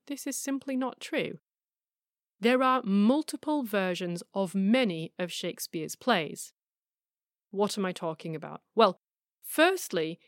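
A middle-aged woman, narrating her own podcast from a script in a measured, emphatic way, with wry asides and rhetorical questions. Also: on the low side, no echo, studio quality. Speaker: podcast host.

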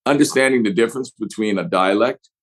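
A middle-aged actor with a New Orleans accent, telling stories expansively in an interview and acting out examples with pitch swings. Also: male voice, brisk, low-quality recording. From New Orleans, USA. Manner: expansive storyteller, shifts pitch to act out examples. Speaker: actor guest. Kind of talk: animated interview talk.

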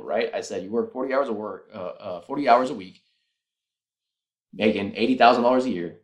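Low-voiced man persuading on a podcast. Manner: earnest, persuasive, walks through math step by step. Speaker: podcast host. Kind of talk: casual solo podcast talk.

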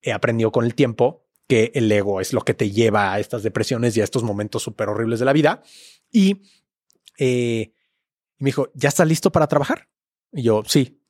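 A man's voice: medium pitch, brisk, a little mellow, no echo. A man with a Mexican Spanish accent, a podcast guest telling a personal story in a casual, slangy, emotional way. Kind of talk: candid storytelling.

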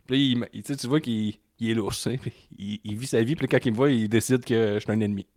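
Fast-talking Québécois man telling stories. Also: mid-range voice, fairly even intonation, a little mellow, no room sound, clean studio sound. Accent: Québécois French. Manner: rapid, rambling storyteller with local swearing. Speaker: podcast co-host. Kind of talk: casual podcast chat.

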